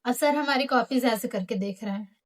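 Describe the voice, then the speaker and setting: A woman in her late teens, a vlogger, telling a school storytime in animated casual chat, acting out the lines of others and slipping English phrases in. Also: on the high side, brisk. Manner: animated, acts out teachers and friends in quoted lines.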